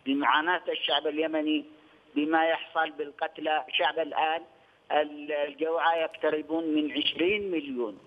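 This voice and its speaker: An older man from Yemen, a studio guest on a news interview, talking in a measured way and repeating phrases, heard over a phone line. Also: a little high, little pitch movement. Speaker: studio guest, former press union head.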